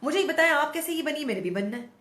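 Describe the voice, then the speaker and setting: A middle-aged woman speaks in a somewhat high, hoarse voice, talking straight to her audience. She is outspoken and animated, and she slips English words into her sentences. The recording sounds echoey, as if made in a bare room without a proper microphone. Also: fast. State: hoarse throat. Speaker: host. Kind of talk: casual monologue to camera.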